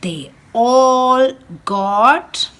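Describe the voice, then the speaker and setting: A woman teacher with a high-pitched voice reads aloud to children from a picture book. Her delivery is slow and full of expression, and she speaks right to the little ones.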